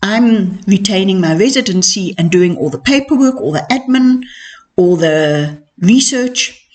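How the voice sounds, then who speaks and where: A middle-aged woman who says her R's softly, like W's, telling her own story as a podcast host in a candid, reflective, self-assured way. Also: mid-range voice. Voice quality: cannot pronounce R's properly, softened w-like R. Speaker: podcast host and mentoring coach. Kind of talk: personal storytelling monologue.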